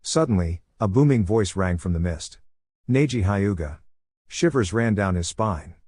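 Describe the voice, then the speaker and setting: Man, narrator, fan fiction story, low voice, even read, dry sound. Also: moderate pace, slightly rough, no room sound. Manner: even storytelling read, same voice for all characters.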